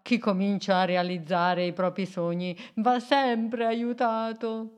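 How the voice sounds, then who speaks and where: Kind bashful octopus for a storybook, gentle and drawn-out, a woman voicing a male character, slow delivery. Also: medium pitch, little pitch movement, clean tone, pitched above the performer's own voice, natural voice. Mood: kindly.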